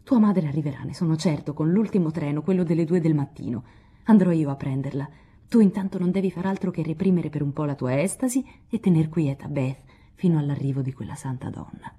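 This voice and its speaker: A woman's voice: deep voice, a little fast, mellow, slightly rough. A woman voicing a kind, teasing teenage boy in an audiobook, sounding reassuring and playful. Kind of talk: audiobook character reading.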